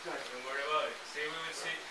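A man's voice: a little high, fairly even intonation, fast talker. A man working as a cave tour guide, explaining informally and often checking in with short tag questions. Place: inside and at mouth of a cave. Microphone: handheld camera a few steps away. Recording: echoey cave, distant camera mic, loud noise.

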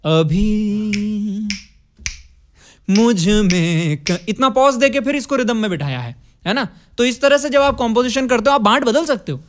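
A man's voice: very high voice, expressive, fast, few pauses, fairly bright tone. A man teaching music, explaining rhythm with counted beats and short sung phrases. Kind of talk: music lesson with sung examples.

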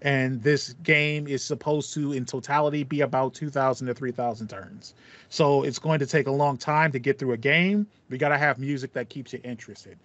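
With a mid-range voice and a fairly bright tone, this man in his thirties talks at normal speed. He co-hosts a podcast, chatting casually and enthusiastically about video game music and rambling through explanations. It's slightly muffled, dry online call audio from a headset in a small indoor room with foam panels.

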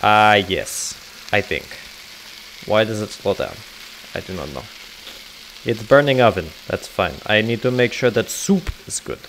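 A man's voice: fairly low pitch, animated, a little slow, pauses often, fairly bright tone, a little hiss or hum, low-quality recording. A man casually narrating a cooking game in a put-on comic Russian accent, dropping articles and joking to himself as he goes. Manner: rambling, jokey, talks to himself while cooking. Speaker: gamer playing a cooking game. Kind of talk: casual gameplay commentary.

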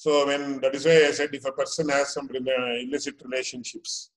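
A South Indian-accented man in his fifties speaks in an echoey room at a middling pitch. He lectures informally on scripture as a religious teacher, halting and restating phrases, dropping in Sanskrit terms. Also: flat delivery. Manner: explanatory, halting, repeating and rephrasing phrases. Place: small indoor room at home. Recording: echoey room, webcam-style pickup.

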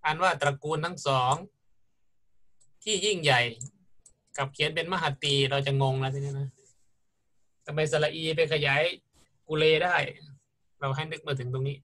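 A man's voice: fairly high pitch, bright, forceful tone. A middle-aged man lecturing on grammar in a patient, explanatory way, often checking in with his students. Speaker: university lecturer.

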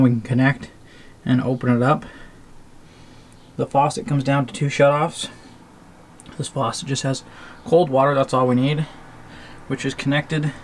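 A DIY video host walks through setting up a trailer's plumbing in a casual, hands-on way. His mid-range voice is flat and measured, with long pauses, and background noise is clearly audible.

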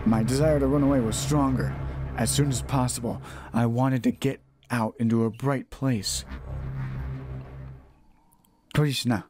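A let's player reads a horror visual novel aloud, often restarting and repeating phrases as he narrates. His voice is mid-range and steady, with a measured pace and frequent pauses. Game music plays behind him.

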